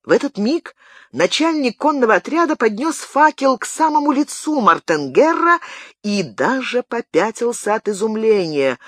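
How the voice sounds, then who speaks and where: A man narrating an audiobook in an expressive storytelling manner. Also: very high voice, moderate pace, dry recording, studio quality. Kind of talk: scripted narration.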